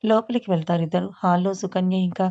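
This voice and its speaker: A woman narrating a family story in a plain, steady storybook telling. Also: lowish voice, fast. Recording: slightly dull lo-fi recording.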